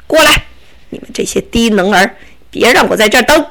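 Loud mocking robber guy from a kids' storybook, stammers, keeps cackling, gravelly edge, a woman putting him on. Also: on the high side, expressive, fairly quick. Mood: scornful. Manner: mocking, stammering, bursts of laughter. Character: gloating bandit man, loud and scornful.

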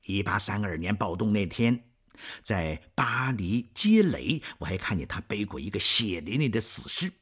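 A man voicing a scheming, greedy middle-aged swindler who speaks in a sly, low, wheedling tone in a storybook reading. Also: sing-song, moderate pace, a bit bright, breathy edge, full character voice.

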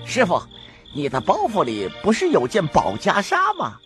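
A man's voice: sits high, huge pitch swings, moderate pace, a bit bright, faint music behind, full character voice. An actor playing a mischievous, boastful male monkey king who teases and laughs often, in a TV drama. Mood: scheming. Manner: teasing, bouncy, laughs often. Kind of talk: TV drama acting.

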